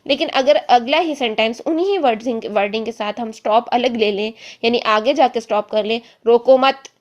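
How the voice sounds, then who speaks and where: A woman teaching an online religious lesson, explaining step by step and repeating examples slowly. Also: on the high side, muffled recording. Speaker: Quran recitation teacher.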